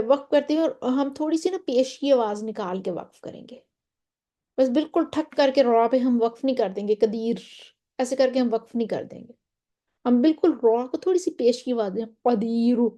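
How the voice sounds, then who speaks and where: A woman's voice: high voice, dark tone. A woman teaching a Quran recitation lesson, explaining step by step and often checking that her listeners follow. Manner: draws out Quranic example words slowly.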